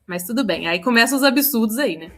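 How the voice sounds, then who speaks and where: Uma mulher com sotaque mineiro que conta casos do trabalho numa chamada de vídeo, imitando as falas dos outros com animação. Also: female voice, a little high, brisk. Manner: animated, quotes herself and others. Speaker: book club participant. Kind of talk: casual storytelling in a video call. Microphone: video call.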